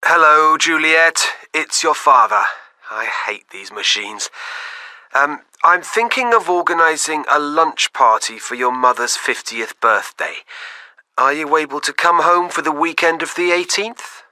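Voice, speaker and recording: A middle-aged father leaving a voicemail for his daughter. His voice sounds very sharp and tense, and it is recorded dry and close. He is plain and fatherly and grumbles mildly. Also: on the high side, expressive, measured pace, dry recording, exaggerated voice.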